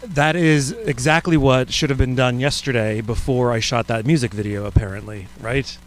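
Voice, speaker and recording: A man's voice: mid-range voice, moderate pace, slight background noise. A man hosting a convention session in a light, informal conversational style. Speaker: convention host.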